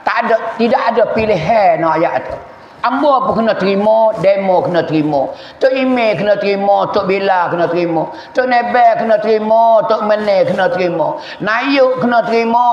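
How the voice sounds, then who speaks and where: A man with a Patani Malay accent preaching a religious sermon, repeating phrases for emphasis and swinging between loud and hushed. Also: sits high, expressive, moderate pace, slight background noise. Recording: echoey hall, dull lo-fi sound.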